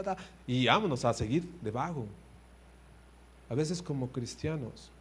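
Husky preacher. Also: male voice, a little high. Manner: animated, swings between loud emphasis and quiet asides; addresses listeners with direct questions. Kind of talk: sermon.

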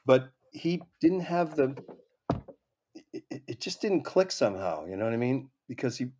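A comedy writer guests on an interview show, telling rambling, profane anecdotes full of restarts and frequent swearing. His medium-pitched voice is mellow with a breathy edge, very animated, at a normal speed.

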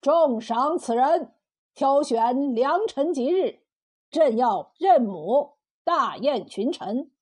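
A woman voicing a stern, wise male emperor who speaks with measured authority. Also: a little high, animated, dark tone, slightly rough, exaggerated voice.

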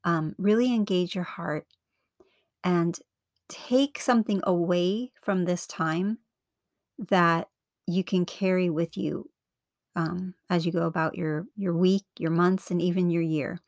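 A woman's voice: on the low side, steady tone, slow pace, a little mellow, no echo. A woman podcast host speaking close and intimately, right up at the mic, in an earnest, encouraging devotional style. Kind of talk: devotional podcast talk and reading.

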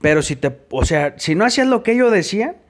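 A man's voice: sits high, very animated, fast. A man with a Mexican accent giving a personal testimony in an interview, telling his story in an emphatic, profane way.

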